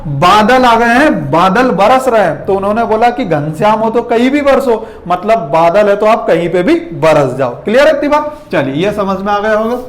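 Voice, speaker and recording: A man's voice: high voice, animated, moderate pace, few pauses. A man teaching a lesson to students, calling them "beta", asking quiz questions and checking in with "theek hai". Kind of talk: classroom lesson.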